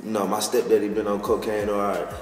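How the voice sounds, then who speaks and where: A young man in his twenties from Texas, a musician answering interview questions in a halting, slangy way with many restarts. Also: fairly low pitch, level tone. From Texas, USA. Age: 20s. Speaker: guest musician. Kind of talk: casual interview talk. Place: lounge with large windows, indoors. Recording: echoey room, far from the mic, music behind.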